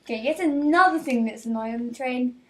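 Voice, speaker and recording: A woman's voice: sits high, brisk, fairly bright tone, far from the mic. A teenage girl doing a casual comic rant, acting out little scenes with quoted lines and giggles. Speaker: vlogger.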